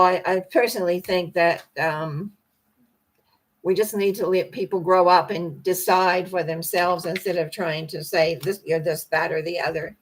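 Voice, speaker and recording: An older woman with a hoarse, croaky voice that cracks and needs clearing. She hosts a spiritual talk on personal growth, chatting in a loose, rambling manner. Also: mid-range voice, fairly bright tone, rough recording. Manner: rambling, conversational. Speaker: host.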